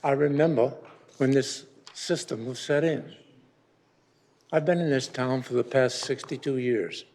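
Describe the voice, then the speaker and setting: A man's voice: mid-range voice, a little slow, darkish tone. A man in his eighties giving a rambling, grumbling public comment at a city council meeting. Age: 80s. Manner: rambling and grumbling, with frequent restarts.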